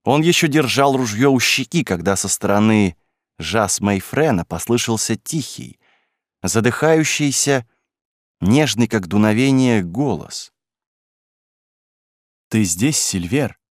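A man with a mid-range voice narrates a classic novel for an audiobook, keeping his storytelling measured and even. The recording is clean, dry studio sound.

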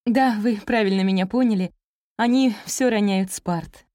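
A nervous young schoolteacher chatters brightly in a raised, eager voice, trying hard to please, as a woman reads her part. The tone is mellow and the recording dry and close. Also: mid-range voice, normal speed, dry recording, voice pushed up, close to an everyday voice. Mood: flustered. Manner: bright, nervously cheerful, babbling. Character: young female teacher, flustered and eager to please. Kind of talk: audiobook character reading.

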